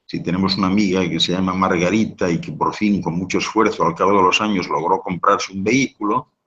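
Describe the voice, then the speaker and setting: A man with a very deep, husky voice explains at length, tagging his points with little rhetorical questions. The sound is dull and lo-fi, like a livestream. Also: steady tone, a little fast, bright, forceful tone. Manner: explanatory, with frequent rhetorical "¿no?" tags. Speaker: guest speaker on sound and language. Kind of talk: live talk answering audience questions.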